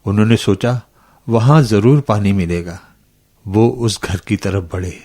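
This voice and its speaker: This is a kindly old grandfather storyteller with a lowish voice. He takes his time and builds a spooky tale dramatically for listening children. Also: mellow. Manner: slow, dramatic, unhurried storytelling.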